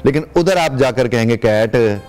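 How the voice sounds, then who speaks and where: A man's voice: mid-range voice, lively intonation, moderate pace, darkish tone, soft background music. Formal, explanatory male language teacher. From Pakistan. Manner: explanatory, formal Urdu with English words. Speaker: English teacher, guest. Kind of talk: studio TV interview.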